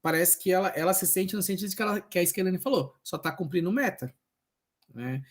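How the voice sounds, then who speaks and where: A man's voice: sits high, fast. A man with a Brazilian accent, a social worker at a health unit, telling work anecdotes at an open class and acting out the voices he quotes. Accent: Brazilian Portuguese. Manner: animated storytelling, acts out quoted voices.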